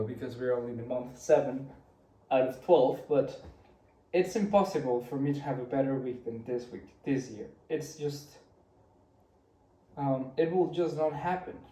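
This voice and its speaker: A man's voice: medium pitch, mellow. Young man, chatty, roomy. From Costa Rica. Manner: chatty, rambling storytelling with many restarts. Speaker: vlogger. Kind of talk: casual weekly recap monologue. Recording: roomy, from a distance.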